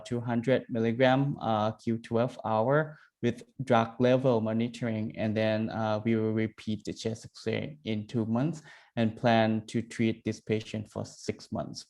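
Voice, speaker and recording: A man's voice: lowish voice, creaky, darkish tone. A man presenting a medical case on a video call, hesitant, with many fillers. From Thailand.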